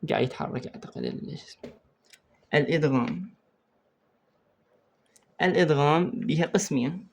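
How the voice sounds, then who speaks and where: Gravelly Iraqi man teaching recitation rules. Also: fairly high pitch. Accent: Iraqi Arabic. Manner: repeats key points slowly, quizzes the student directly; writes on a board while explaining. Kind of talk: exam-prep tajweed lesson.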